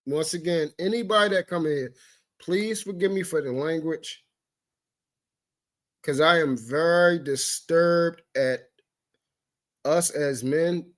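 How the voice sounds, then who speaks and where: Heated man ranting, fairly high voice. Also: slow pace. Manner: heated, profane ranting broken by repeated apologies; stammering restarts when upset. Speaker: livestream talk show regular. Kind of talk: impassioned livestream commentary.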